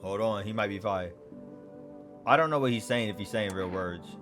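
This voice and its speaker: A man's voice: fairly low pitch, normal speed. Man doing casual gameplay commentary over music. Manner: informal, slangy, thinking out loud. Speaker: gaming video host. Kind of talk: casual let's play commentary.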